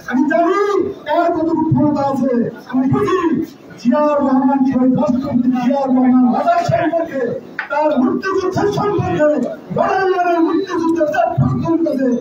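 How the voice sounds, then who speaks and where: Older man shouting a fiery rally speech. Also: extremely high pitch, fairly quick, background noise. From Bangladesh. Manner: fiery, repetitive slogans. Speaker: political speaker. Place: crowded indoor party office. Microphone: handheld mic, filmed from far. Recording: echoey hall, far off, dull, crowd.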